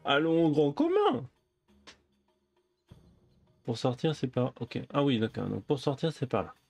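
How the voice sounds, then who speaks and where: Streamer: male gamer, chatty, jokey, mock-pompous, animated delivery. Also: mid-range voice, unhurried, creaky, soft background music. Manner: jokey, mock-pompous, often talking to the game characters. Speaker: streamer playing a game. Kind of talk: live gameplay commentary.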